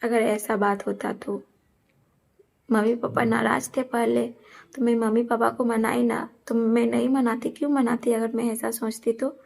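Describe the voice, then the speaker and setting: A woman's voice: fairly high pitch, level tone, normal speed, creaky, darkish tone. A young woman vlogger, talking earnestly and defensively to her viewers and repeating her points. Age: young adult. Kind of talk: casual talk to camera.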